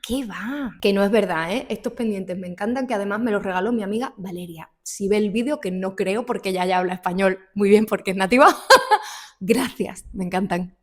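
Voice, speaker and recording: A woman's voice: medium pitch, brisk. A woman from Spain, in her thirties, with a Spain Spanish accent, giving a casual Spanish lesson, chatty and laughing often as she acts out short dialogues. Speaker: Spanish teacher.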